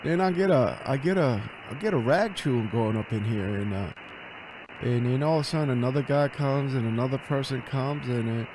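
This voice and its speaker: An amateur radio operator chats casually and makes radio calls using the phonetic alphabet. He has a mid-range voice and a normal speed, against a noisy background.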